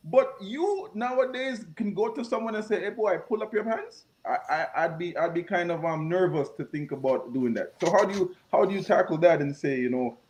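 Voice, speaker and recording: Talk show host guy, chatty, pretty high voice for a man, loose casual questions. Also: animated, brisk, few pauses, darkish tone, low-quality recording. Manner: chatty, laughs along, asks questions. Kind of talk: casual panel chat.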